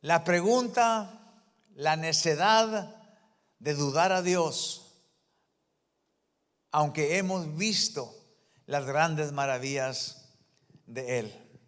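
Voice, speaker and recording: Slow, emphatic man preaching a sermon. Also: a little high, fairly bright tone. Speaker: pastor. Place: church. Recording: long hall reverb.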